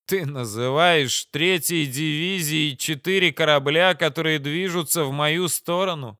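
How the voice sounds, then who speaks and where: A man's voice: a little high, measured pace, clear, resonant tone, dry recording, studio quality. Man voicing a grim, weary vice-admiral. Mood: grimly firm. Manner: steady, bitter and resolute.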